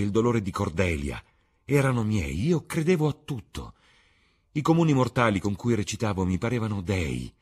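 Un uomo che fa una giovane attrice estatica e sognante, voce roca, tono che sale e scende molto. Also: male voice, mid-range voice, a little mellow, breathy edge, pitched above the performer's own voice. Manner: ecstatic, lyrical speech. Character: young woman actress, rapturous and dreamy.

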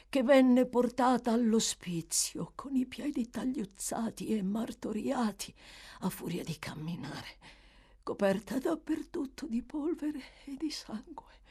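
A dying old woman, feverish, guilty, high breathy whispers, sudden shrill cries, storybook reading. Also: dark tone, exaggerated voice. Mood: feverish confession.

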